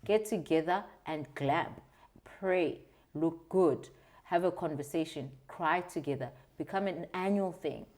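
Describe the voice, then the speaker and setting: Low-voiced South African woman, earnest and expressive. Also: measured pace. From South Africa, Transkei. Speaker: interview guest, video creator. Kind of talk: conversational interview answers.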